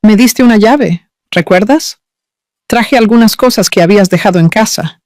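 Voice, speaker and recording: A woman's voice: medium pitch, normal speed, darkish tone, no echo, studio quality, pitched above the performer's own voice, close to an everyday voice. A woman reading a worried mother. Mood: concerned. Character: worried middle-aged mother, gentle and serious.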